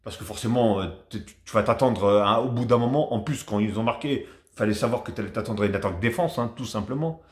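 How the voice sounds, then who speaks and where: Chatty French football vlogger, roomy echo. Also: male voice, lowish voice, fast talker, hardly any pauses. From France. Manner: chatty, rambling, animated. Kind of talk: casual match debrief to camera.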